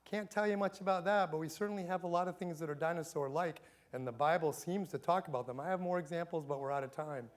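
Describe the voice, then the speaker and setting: A man's voice: fairly high pitch, fast, hardly any pauses. A middle-aged man giving a playful Bible talk to schoolchildren, reading scripture with drama. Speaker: chapel speaker to schoolchildren. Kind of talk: animated Bible talk for kids.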